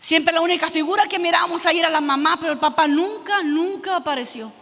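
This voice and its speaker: High, bright woman preaching. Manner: earnest, halting storytelling with many restarts. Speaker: preacher giving testimony. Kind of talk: sermon testimony. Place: church hall. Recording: long hall reverb.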